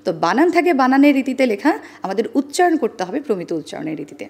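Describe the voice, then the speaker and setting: A woman guest in an interview, explaining how to pronounce words, with careful, precise diction and a measured, deliberate delivery. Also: on the high side, very animated, creaky, darkish tone, slightly rough. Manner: careful, precise standard pronunciation, demonstrating sounds. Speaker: interview guest on speech and pronunciation.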